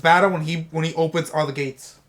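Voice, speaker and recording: A young man with a fairly high voice chats casually as host of a commentary track. He rambles and restarts his sentences often, as in easy talk among friends. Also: fairly even intonation, brisk, a bit bright. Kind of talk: casual chat.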